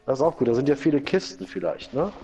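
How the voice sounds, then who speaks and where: A man chatting easily while playing a game, slangy and quick to cheer his finds. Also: fairly high pitch, lively intonation, warm tone, soft background music. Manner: easygoing, slangy, exclaims over finds. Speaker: Let's Play commentator. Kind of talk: casual gaming chat.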